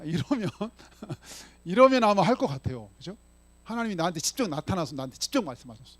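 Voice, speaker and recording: High-pitched, lively man preaching a sermon. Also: dry recording. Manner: conversational preaching, acts out the dialogue; leads the congregation in slow unison scripture reading. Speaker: pastor.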